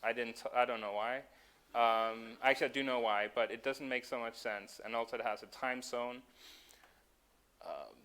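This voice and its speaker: A man's voice: mid-range voice, fairly even intonation, normal speed, a bit bright, clear, resonant tone. A man from Denmark, giving a conference talk with frequent ums and self-corrections. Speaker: conference speaker.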